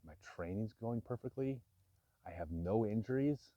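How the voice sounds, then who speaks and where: Speaking to camera, a vlogger in his fifties gets candid and reflective, frank and self-deprecating, with the odd chuckle. His fairly low voice is animated and moves at a normal speed, and the recording is dry and lo-fi.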